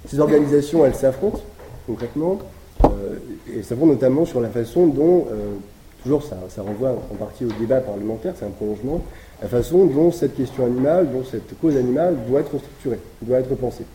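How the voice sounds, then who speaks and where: A man's voice: medium pitch, brisk, mellow. A man giving an academic lecture, talking with many hesitations, fillers and restarts. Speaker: academic speaker. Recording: echoey room with noise.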